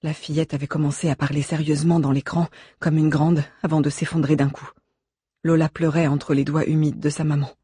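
Male audiobook narrator, husky, fairly high, dry close sound. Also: no room sound. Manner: measured, steady reading. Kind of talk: scripted narration.

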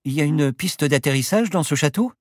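A man voicing an anxious, sharp-tongued young woman who sounds alarmed and pleading. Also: on the high side, animated, brisk, dry recording, clean studio sound, voice pushed up, lightly acted.

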